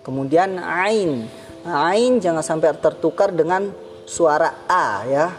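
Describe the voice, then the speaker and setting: A man teaching Quran recitation, patiently explaining Arabic letter sounds and repeating them slowly as examples. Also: fairly high pitch, faint music behind.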